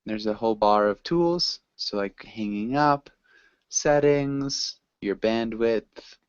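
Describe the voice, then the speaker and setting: A man's voice: fairly low pitch, slow pace, clean tone, dry recording. Male online tutor, encouraging and easygoing, dry dull call audio. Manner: friendly, patient, encouraging. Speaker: online English teacher. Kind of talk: online class teaching. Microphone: video call.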